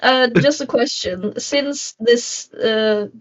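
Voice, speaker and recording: A woman player in a tabletop game, a bit higher pitched, asking questions with hesitant fillers. Her voice comes through muffled, with faint music in the background. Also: takes it slowly. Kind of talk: casual tabletop game chat.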